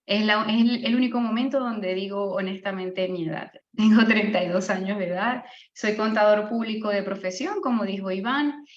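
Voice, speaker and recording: A woman's voice: medium pitch, moderate pace, hardly any pauses, roomy sound, lo-fi sound. Earnest Venezuelan woman in her thirties. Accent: Venezuelan, from Maracaibo. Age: 30s. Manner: earnest, faith-filled, with frequent fillers and restarts. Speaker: speaker giving a testimony on a live online session. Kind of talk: personal testimony presentation.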